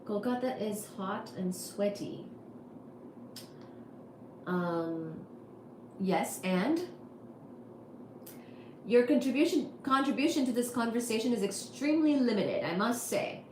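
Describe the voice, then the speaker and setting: A woman's voice: on the high side, expressive, slow pace, pauses often, a little mellow. A woman from India hosting a casual livestream, answering chat comments with wry asides. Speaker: livestream host. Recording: echoey room with faint noise.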